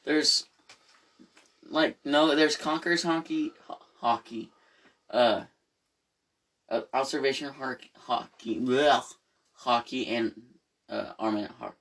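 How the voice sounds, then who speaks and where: A young man chatting casually with a friend, laid-back and teasing, rambling as he explains. His voice is husky, with a middle pitch. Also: a bit bright. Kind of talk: casual chat.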